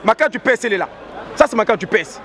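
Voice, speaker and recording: A man's voice: sits high, animated, rapid-fire. A male protester in a street interview, speaking indignantly and repeating himself. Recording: outdoor street crowd.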